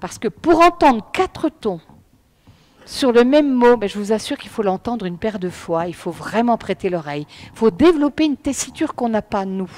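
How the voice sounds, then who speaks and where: Middle-aged woman, public lecturer, high-ish voice that swings widely, emphatic and direct with the room. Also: normal speed. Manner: lively, emphatic, addresses the audience directly. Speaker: lecturer on Chinese writing. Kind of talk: live public talk.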